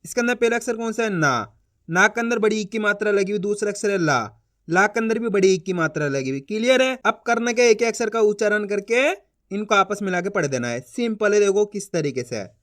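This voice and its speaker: A man's voice: sits high, a little fast, a bit bright. A man teaching children to read words, sounding each syllable out and repeating every word with patient coaching. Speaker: Hindi reading teacher. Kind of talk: slow, syllable-by-syllable reading lesson.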